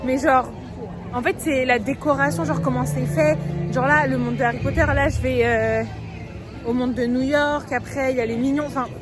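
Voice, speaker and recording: A young woman vlogging into her phone at a crowded theme park, flustered, exasperated and rushed. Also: high-pitched, fairly even intonation, over loud music, over a noisy crowd. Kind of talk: casual travel vlog to camera.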